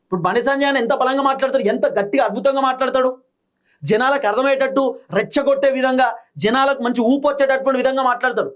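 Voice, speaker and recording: A man's voice: extremely high pitch, very fast, a bit bright. A man with a Telangana Telugu accent giving an emphatic political commentary monologue, repeating his points in short punchy phrases.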